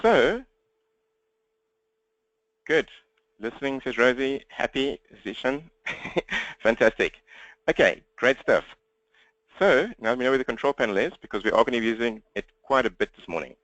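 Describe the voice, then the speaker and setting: A man with a South African accent runs a live webinar training from his laptop at a home desk, talking fast, upbeat and direct. His medium-pitched voice is expressive and a bit bright. There's no echo, though the highs are cut off.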